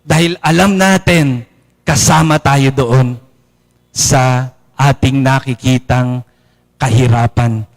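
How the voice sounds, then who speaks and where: A man with a Filipino accent, a priest giving a sermon to an audience, animated and acting out quoted complaints in a higher voice. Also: takes it slowly, long pauses. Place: church or hall, in front of an audience. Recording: long reverb of a hall.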